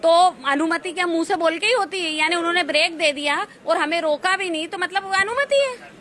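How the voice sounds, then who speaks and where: A woman's voice: very high voice, brisk, a bit bright, slight background noise. A woman, answering an interview defiantly with pointed rhetorical questions. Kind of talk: indignant street interview answers.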